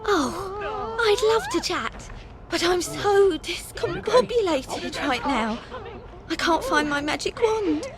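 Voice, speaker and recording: A flustered, dithering eccentric for a video game, speaking very high and very slowly. She rambles along in a scattered, breathy way. A crowd chatters faintly behind her. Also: expressive, full character voice. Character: flustered eccentric woman hunting for her lost wand.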